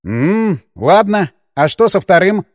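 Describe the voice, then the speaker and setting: A man's voice: sits high, very animated, takes it slowly, no room sound, full character voice. Give me a man doing a sardonic, scarred gunman who drawls his taunts, close and dry. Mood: mocking. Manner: drawling, mocking. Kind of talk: audiobook character voice.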